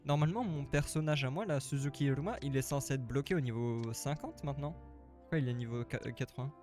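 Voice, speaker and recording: Talking fast at a medium pitch, a man rambles through a live let's-play stream, sounding a bit worn out. He chats casually and keeps repeating himself as faint game music runs in the background.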